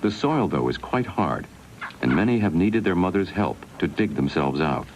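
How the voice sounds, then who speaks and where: A man with a very low voice narrates a wildlife documentary in a measured, unhurried way. His pitch moves expressively from line to line. The sound comes from a worn VHS tape copy with steady hiss underneath. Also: rough recording.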